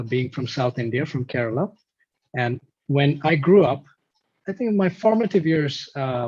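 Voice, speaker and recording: A man's voice: medium pitch, darkish tone, slightly rough. A man from Kuwait, a guest in an interview, talking in a reflective, explanatory way over a video call. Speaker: guest musician. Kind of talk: conversational interview. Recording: dull, lo-fi call audio.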